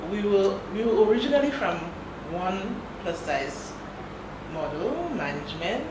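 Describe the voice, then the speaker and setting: Bubbly woman telling an animated story. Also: medium pitch, unhurried, far from the mic. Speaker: modeling agency co-owner. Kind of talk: casual interview. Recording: echoey room with background noise.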